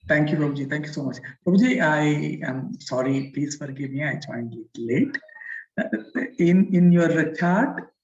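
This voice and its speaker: A man's voice: on the high side, normal speed, darkish tone, husky. A man speaking as a student in an online class, hesitant and apologetic as he asks his teacher something. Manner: apologetic, deferential. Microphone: online call microphone. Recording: echoey, muffled online call audio.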